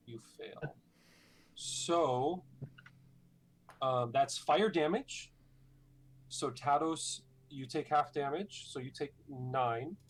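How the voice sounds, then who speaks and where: Lively game master, slightly high voice. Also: male voice. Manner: brisk rules calls mixed with vivid scene narration. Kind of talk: running a tabletop game, narrating and ruling.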